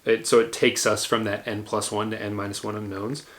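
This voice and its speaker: A man's voice: lowish voice, little pitch movement, a little fast, fairly bright tone. A man lecturing a university engineering class, explaining step by step with frequent fillers and restarts.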